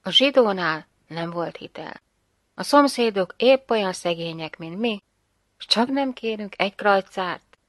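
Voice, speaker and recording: A woman's voice: medium pitch, lively intonation, dry recording. Woman reading a story, dry sound. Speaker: reader. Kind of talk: storybook narration.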